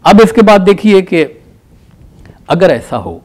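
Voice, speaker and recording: A middle-aged man teaching recitation rules, explaining slowly and repeating examples with drawn-out chanted words. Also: sits high, big pitch swings. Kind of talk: tajweed lesson.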